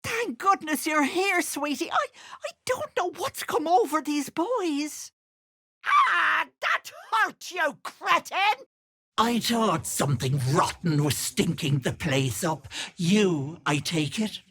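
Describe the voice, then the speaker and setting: A woman's voice: sits high, very animated, slow pace, a bit bright, heavily acted. An actress playing a wicked old hag who poses as a sweet auntie in a video game, switching between sugary and sly, menacing talk. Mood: mock distress. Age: older. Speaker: game character.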